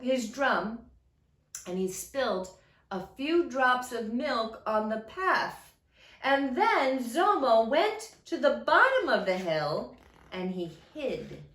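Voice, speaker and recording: Animated, slow-paced woman telling a trickster tale. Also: high voice. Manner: dramatic, expressive storytelling with deliberate emphasis. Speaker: storyteller reading a picture book. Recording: roomy echo, mic at a distance.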